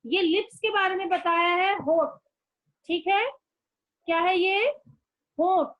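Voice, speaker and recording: A woman's voice: extremely high pitch, steady tone, slow pace, muffled recording. A woman schoolteacher giving an online class lesson, speaking patiently and repeating words for young children.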